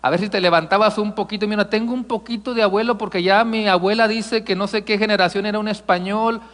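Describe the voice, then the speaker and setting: A man's voice: high-pitched, fairly even intonation, quick pace, a bit bright, big-room sound. A man from Mexico preaching a conversational sermon as pastor, addressing the congregation as brothers. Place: church sanctuary.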